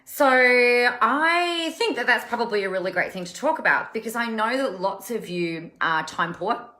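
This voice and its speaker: A woman's voice: on the high side, expressive, moderate pace, bright, forceful tone. A woman, hosting a casual live stream as a coach, chatty and emphatic, repeating words for effect. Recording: echoey room.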